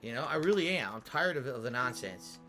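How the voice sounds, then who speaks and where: A man's voice: medium pitch, animated, fairly quick, sharp tone, faint music behind. A man streaming a game, venting in frustration with heavy swearing and repeating himself as he reads out viewer tips. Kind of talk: casual live-stream chat.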